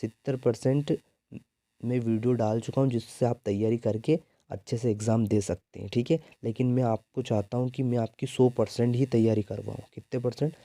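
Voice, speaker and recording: A male teacher with a Hindi accent walks students through exam grammar questions, constantly asking "what comes here?" and answering himself. His voice is deeply mellow and warm, recorded dry and close with almost no room sound. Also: fairly even intonation, normal speed, dry recording. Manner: repetitive call-and-response questioning. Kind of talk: exam-prep grammar lesson.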